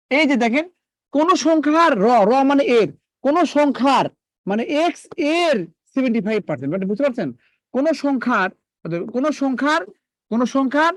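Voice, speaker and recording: Fast, lively male math tutor. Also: extremely high pitch, no echo, studio quality. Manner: repeats questions to students, coaxing and drilling. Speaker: math teacher. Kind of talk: live online math lesson.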